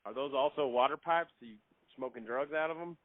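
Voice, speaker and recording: A man making a phone call, polite and halting, often repeating his words. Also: medium pitch, no echo. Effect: heard over a phone line. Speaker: prank caller. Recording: thin, dry phone line.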